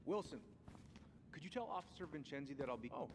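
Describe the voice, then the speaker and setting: An actor as a brisk middle-aged police chief. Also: male voice, a little high, expressive, lightly acted. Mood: businesslike. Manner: brisk, official questioning. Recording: game audio with ambient noise.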